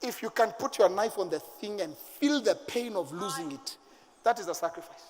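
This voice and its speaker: A middle-aged Kenyan pastor preaches with fervour, his voice sitting high for a man. He swings into sudden shouted bursts to drive his points home. His words ring out with a long reverb that fills the church hall. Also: animated, normal speed. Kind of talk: sermon. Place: church sanctuary.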